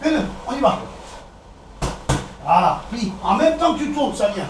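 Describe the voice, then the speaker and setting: High-voiced French boxing coach calling punches. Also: male voice, big pitch swings. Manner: brisk, counting and calling out punches. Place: echoey boxing gym. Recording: echoey gym, distant camera, background noise.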